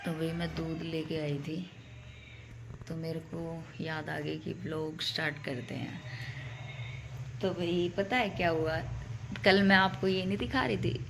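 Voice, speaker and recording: Young woman vlogging at home on her phone, low gravelly voice, lots of noise around. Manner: chatty, addresses viewers as bhai. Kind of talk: casual storytelling vlog.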